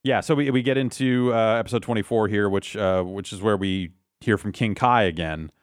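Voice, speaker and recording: A man's voice: fairly low pitch, fairly quick, no echo, studio quality. A man co-hosting a podcast, recapping a cartoon in a casual chat, rambling and swearing with lots of restarts. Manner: rambling, profane, many restarts. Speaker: podcast co-host.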